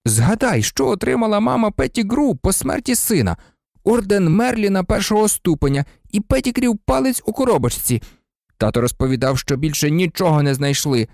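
Man doing a teen boy, blunt and huffy, higher voice, warm tone. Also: big pitch swings, brisk, creaky, no echo, studio quality, full character voice. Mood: indignant. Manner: blunt, indignant. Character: blunt teenage schoolboy, quick to anger.

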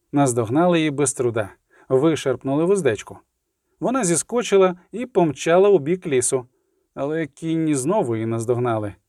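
A male audiobook narrator telling a violent battle scene in a steady, vivid way. His voice sits a bit higher than most men's. It is recorded on a close studio mic in a completely dry sound. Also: no echo. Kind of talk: dramatic scripted narration.

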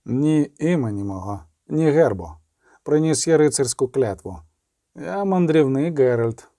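A man's voice: medium pitch, very animated, normal speed, warm tone, no room sound, clean studio sound. A man voicing a grim, terse male witcher who mutters his lines.

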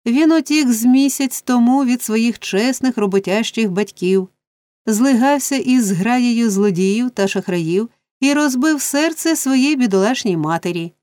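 A woman voicing a scheming young woman who wails loudly and theatrically. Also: lively intonation, a little slow, dry recording. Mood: wailing. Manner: shrill, wailing, theatrical.

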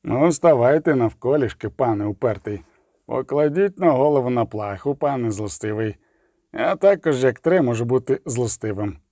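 Brief: sinister hangman, low hollow growl, voiced by a male reader. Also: lively intonation, normal speed, warm tone, dry recording, clean studio sound. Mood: mocking. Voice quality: hollow, ominous voice. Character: menacing male executioner, grim, sinister.

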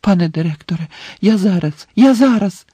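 A man voicing a frantic teenage boy wizard who shouts in desperate urgency. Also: sits high, expressive, moderate pace, breathy edge, dry recording, pitched above the performer's own voice.

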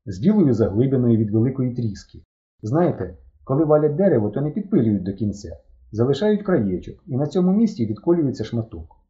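Expressive male storyteller, muffled recording. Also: medium pitch. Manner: lively, expressive reading with voiced characters. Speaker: audiobook narrator. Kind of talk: storytelling narration in first person.

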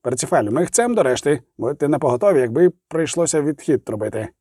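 Blunt bossy gnome boss guy, a man reading him, lively up-and-down voice, mellow low tone, dry close sound. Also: fast, breathy edge, no room sound. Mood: commanding. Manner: blunt, folksy, commanding. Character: gruff bossy male gnome leader, middle-aged. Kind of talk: audiobook character reading.

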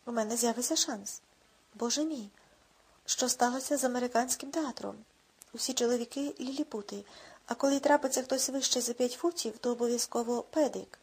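A woman voicing a sarcastic, husky young actress. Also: fairly high pitch, a little fast, darkish tone. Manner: grumbling, sarcastic. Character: tall sharp-tongued young blonde actress, complaining.

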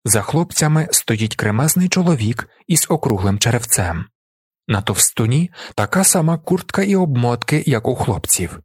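Casting: male audiobook narrator, husky voice, animated intonation, dry close mic. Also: medium pitch, normal speed, no echo. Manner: lively expressive reading.

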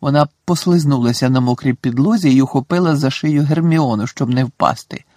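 A man reading a storybook aloud in steady, expressive scripted narration. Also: mid-range voice, a little fast, dry recording. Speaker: audiobook narrator.

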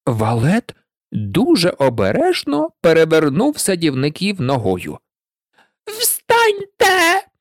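A woman narrating a storybook audiobook in an expressive storytelling manner on a close mic. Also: low-pitched, unhurried, no echo.

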